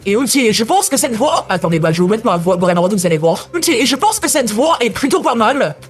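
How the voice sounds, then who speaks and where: A man through a voice changer as a high-pitched twelve-year-old boy. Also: big pitch swings, fairly quick, slightly rough, soft background music, full character voice. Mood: playful. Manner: playful, pretending to be a child. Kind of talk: gameplay commentary.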